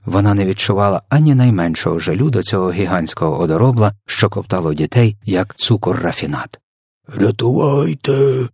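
A man reading a children's story aloud in an expressive, dramatic narration. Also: low voice, brisk, hardly any pauses, slightly rough, no echo, studio quality. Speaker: audiobook reader.

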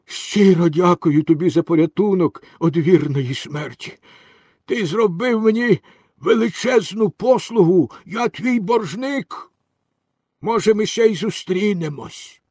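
A man doing a drowning police dog in a storybook reading, pleading in a high, strained voice. The voice is dry and close, with no room sound. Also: lively intonation, a little slow, darkish tone, breathy edge, no echo, heavily acted. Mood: grateful. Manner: pleading, frantic. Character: drowning male police dog, desperate then grateful. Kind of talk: audiobook character voice.

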